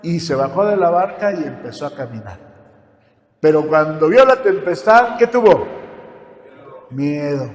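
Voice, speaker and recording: A man preaching a sermon as a pastor, telling the story in a lively way and asking his listeners questions. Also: a little high, a little slow, pauses often, reverberant, big-room sound. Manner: animated storytelling with rhetorical questions to the congregation.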